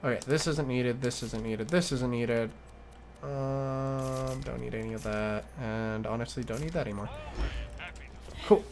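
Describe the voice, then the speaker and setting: A man's voice: mid-range voice, steady tone, a little slow, noisy background. Profane Midwestern man streaming games. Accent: Midwestern American. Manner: rambling, profane, talks to himself while playing. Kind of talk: casual gameplay commentary.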